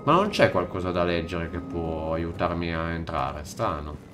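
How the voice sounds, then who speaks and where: A man commentating a live blind playthrough, muttering low to himself, then yelping and shouting when startled. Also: animated, measured pace, noisy background. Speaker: gaming streamer.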